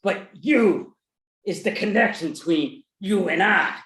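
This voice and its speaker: A performer putting on a laid-back, slangy Cupid voice, drifting into quiet asides, recorded in an echoey room. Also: medium pitch, animated, a little slow. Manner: drawls slangy lines, trails off into quiet asides. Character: smooth low-talking Cupid, laid-back love god.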